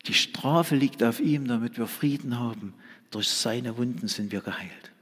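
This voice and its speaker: A husky-voiced man delivers an earnest sermon in a church hall, his voice trailing into a long reverb. He presses hard on key words, then drops to a near whisper. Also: medium pitch, measured pace. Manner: swings from loud emphasis to hushed whispers. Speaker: preacher.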